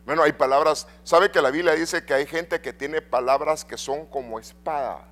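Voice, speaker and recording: A middle-aged man preaching a sermon in a church, swinging between loud and soft and asking the congregation questions. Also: a little high, moderate pace. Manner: addresses congregation with rhetorical questions. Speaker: pastor.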